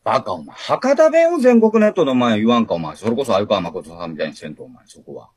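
A man's voice: lowish voice, sing-song, fairly quick. A man in his late forties from Fukuoka with a Hakata dialect, teasing his friend in a playful, cheeky way over a video call. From Fukuoka, Japan. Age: late 40s. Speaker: podcast co-host.

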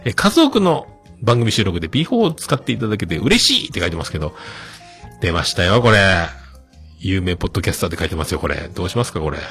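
A man's voice: very animated, rapid-fire, fairly bright tone, faint music behind. A middle-aged man hosting a casual solo podcast, reading listener messages and chatting with frequent laughs. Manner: chatty, laughs often, swoops up into high falsetto when demonstrating singing.

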